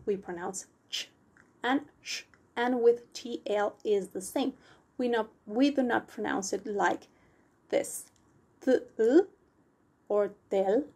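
A woman's voice: fairly high pitch, darkish tone. A woman giving a pronunciation lesson, patient and asking the viewer questions. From Mexico. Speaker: language teacher.

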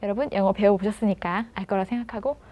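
A woman teaching pronunciation in a video lesson, patiently prompting and sounding words out slowly. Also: mid-range voice, fairly even intonation, dark tone, a little hiss or hum. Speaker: language teacher.

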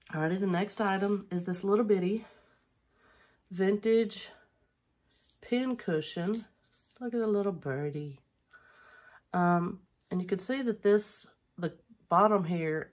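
A middle-aged woman chatting casually at home on a camera mic, rambling with lots of filler ums as she shows items she has sold. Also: on the low side. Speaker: online reseller vlogger.

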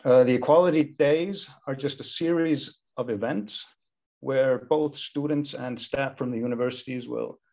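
On a video-call panel with slightly dull audio, this Icelandic university lecturer and equality committee chair, in his thirties, talks thoughtfully and keeps restarting. He speaks at a normal speed in a mid-range voice that is gravelly and dark.

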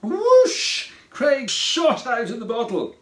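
A man narrates a children's storybook at an unhurried pace, and his pitch rises and falls with a lot of life. He sits a little way from the mic in a room with a noticeable echo. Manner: slow, expressive read-aloud. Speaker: author reading his own story. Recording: roomy echo from a distance.

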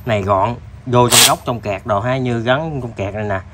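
A man with a southern Vietnamese accent presents goods in a casual, stop-and-start sales pitch. His voice sits at a medium pitch and he talks informally, as if to buddies. The recording is clearly noisy, with clicks and tool sounds. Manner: informal, halting pitch addressing viewers as buddies. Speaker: tool seller presenting products. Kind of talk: casual sales demo, unboxing tools.

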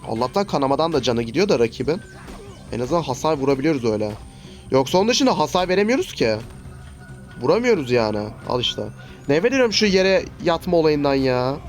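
Oyun oynarken sinirlenen genç adam. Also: male voice, a little high, very animated, fast talker, soft background music. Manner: frustrated, swearing, exclaiming at the game. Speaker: gaming YouTuber. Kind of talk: casual gameplay commentary.

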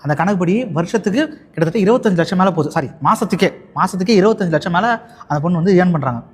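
A man's voice: high-pitched, racing. A man in a casual chat, explaining a bit of gossip and waving it off dismissively.

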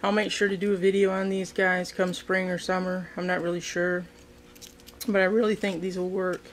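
A woman's voice: lowish voice, little pitch movement, moderate pace. A woman hosting a casual how-to video, demonstrating a craft at a table indoors and thinking aloud with frequent ums and restarts. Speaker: fishing craft video host.

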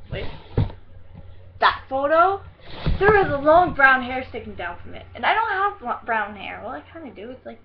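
A woman's voice: high voice, lo-fi sound. A teenage girl vlogging from her bedroom into a webcam, rambling and giggly, scattered and hyper as she answers questions. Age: teens. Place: bedroom at home. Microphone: computer webcam mic.

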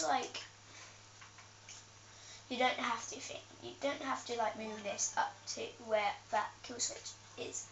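A young woman with a high, fairly bright voice hosts a gameplay tutorial, hesitating with lots of ums and correcting herself. She's off camera in a room with a TV, picked up by a camera filming the screen. The audio is echoey, distant, dull, and noisy.

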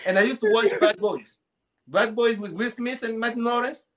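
A Congolese poet in his thirties, appearing as a podcast guest by video call from a small room at home, tells a personal story in casual chat with a Central African accent. His voice is extremely high and fairly bright, with a steady tone and moderate pace. He repeats phrases and acts out dialogue.

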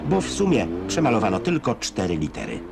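Low-voiced, wry old newsreel narrator, male. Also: huge pitch swings, brisk, gravelly. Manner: wry, ironic delivery of scripted commentary. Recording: music bed behind narration. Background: music.

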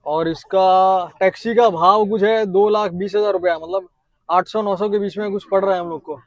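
एक युवा पुरुष ट्रैवल व्लॉगर, बाहर पर्यटन पार्क में कैमरे से बोलते हुए, उत्साह से बातें करता है और हिंदी में अंग्रेज़ी शब्द मिलाता है।. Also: male voice, sits high, moderate pace, dry recording, dull audio. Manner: chatty, excited, mixes English into Hindi. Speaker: travel vlogger. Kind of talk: casual travel vlog.

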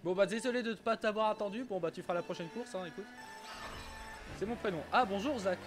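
Casting: male game streamer, high voice, rambling casual chat over faint game music. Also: fast talker. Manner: chatty, stumbling, repeats himself, swears casually. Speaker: Twitch streamer playing a kart racing game.

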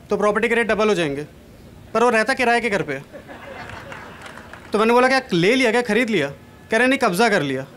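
A young comedian from Kanpur, India works a big indoor stage with a handheld microphone. He talks in a chatty way and pokes fun at himself. His voice is high and somewhat bright.

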